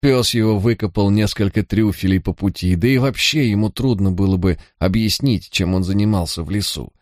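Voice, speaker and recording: A careful village priest with a low voice, as a male reader puts him on, talking in a measured, persuasive way in an audiobook. The voice is close and dry. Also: a little mellow, no room sound, close to an everyday voice. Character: cautious male village priest, middle-aged.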